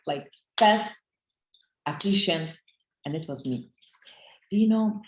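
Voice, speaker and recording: A middle-aged woman with a Russian accent gives an earnest motivational talk to her team, her English a little broken. Her voice sits low and has a gravelly edge. It sounds as if she is in a roomy, echoing space. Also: a little mellow. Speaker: business leader speaking on a team call.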